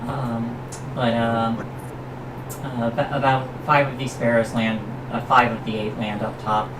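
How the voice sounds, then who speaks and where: Very low-pitched woman narrating a game. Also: flat delivery. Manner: halting, searching for words. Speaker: game master. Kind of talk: improvised tabletop game narration. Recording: echoey, distant, noisy room recording.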